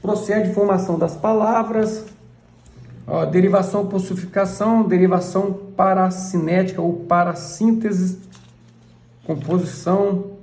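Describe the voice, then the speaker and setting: A man's voice: high-pitched, fairly even intonation, unhurried, a little mellow, reverberant. A man with a Brazilian Portuguese accent, a church elder walking through a grammar book page by page and pointing things out with frequent asides to look.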